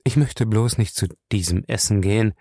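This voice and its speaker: A man reading an audiobook uses his lowish, mellow voice at a moderate pace to play a character, an impatient former soldier turned police captain who speaks in a clipped way. The studio recording is clean, with no room sound.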